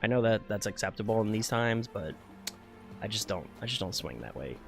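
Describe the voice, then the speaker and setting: A man's voice: on the low side, lively intonation, brisk, a bit bright. A man streaming a video game, joking, swearing and reading game text aloud. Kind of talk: gaming livestream commentary. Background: faint game music.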